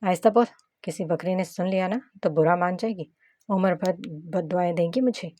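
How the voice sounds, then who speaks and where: A woman voicing a feisty young wife who bickers with a sharp tongue. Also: on the low side, normal speed, dry recording, lightly acted. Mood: bickering. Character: feisty young wife, quick-tempered secret agent.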